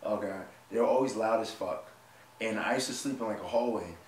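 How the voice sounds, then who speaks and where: A man's voice: fairly low pitch, brisk. Joking man in his twenties, echoey room. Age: 20s. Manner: joking, laughs often while telling stories. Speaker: vlog co-host. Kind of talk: casual chat. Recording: echoey room, mic at a distance, faint noise.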